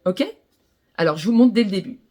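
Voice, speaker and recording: Gentle French woman teaching ukulele to children. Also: medium pitch, brisk, music in the background. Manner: gentle, encouraging, addresses children directly. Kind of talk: children's music lesson.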